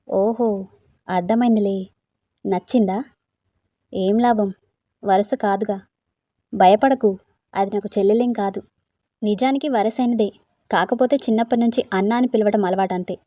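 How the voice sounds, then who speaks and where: Woman reading a story, dry and mellow. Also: medium pitch, dry recording. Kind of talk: narrating a story, voicing all the characters.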